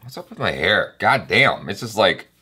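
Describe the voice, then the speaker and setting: Teasing man reaction co-host, low voice, bright and lively. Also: normal speed, slightly rough. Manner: teasing, laughs often. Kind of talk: casual reaction chat.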